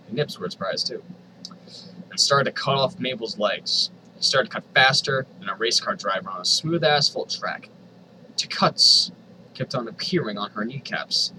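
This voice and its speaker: A host with a mid-range voice reads fan fiction aloud in a theatrical, comedic style, dropping in incredulous asides. There is background noise in the recording.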